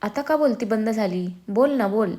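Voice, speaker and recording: A woman's voice: mid-range voice, expressive, normal speed, mellow, lightly acted. A woman voicing a playful, sulky young man who teases his twin brother and slips English slang into his lines. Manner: teasing, whiny, drops in English slang.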